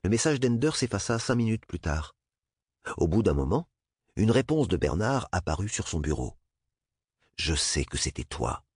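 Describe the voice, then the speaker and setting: A man narrating a novel as an audiobook in a measured, expressive way. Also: low voice, breathy edge, no echo, studio quality. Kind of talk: audiobook reading.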